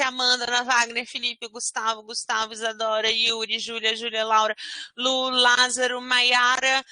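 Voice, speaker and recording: A university professor in her thirties from Belo Horizonte, Minas Gerais, Brazil, teaches an online class from home over a video call. Her fairly high voice sounds pushed and bright on a dry recording, and she speaks conversationally, dotting her sentences with "né?".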